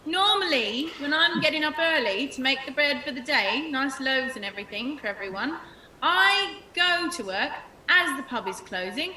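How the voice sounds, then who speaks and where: A woman with a high, bright voice improvises teasingly in a party game. She is heard off mic in an echoey, noisy space. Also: animated, normal speed, far from the mic.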